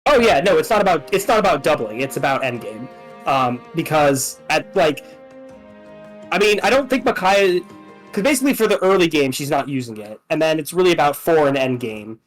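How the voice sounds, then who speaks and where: A man's voice: fairly high pitch, lively intonation, fairly quick, soft background music, rough recording. A man casually explaining game strategy, hesitant, with many fillers and restarts.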